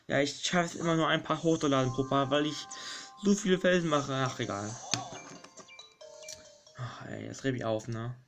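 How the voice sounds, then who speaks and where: A young man giving casual commentary over a platform game, fretting aloud, pleading, and yelling at enemies. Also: medium pitch, moderate pace, pauses often. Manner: excitable, frets and shouts at enemies. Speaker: gaming YouTuber. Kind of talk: casual let's play commentary. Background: game music.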